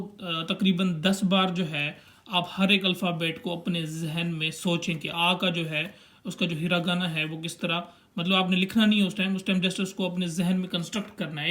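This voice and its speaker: A man's voice: high voice, fairly even intonation, normal speed, a bit bright. A young man teaching a language lesson, pointing at a chart and patiently sounding out syllables one by one.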